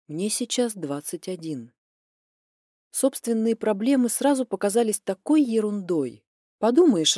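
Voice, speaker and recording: A woman's voice: medium pitch, dark tone, dry recording, studio quality. Woman reading a novel aloud. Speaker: audiobook narrator. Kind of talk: first-person novel reading.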